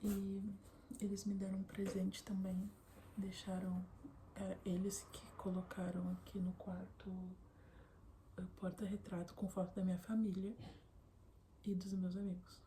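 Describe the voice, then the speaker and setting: A young woman from southern Brazil chatting casually to camera from her bedroom, often slipping into a soft whisper. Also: mid-range voice, monotone, measured pace. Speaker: vlogger. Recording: faint background noise.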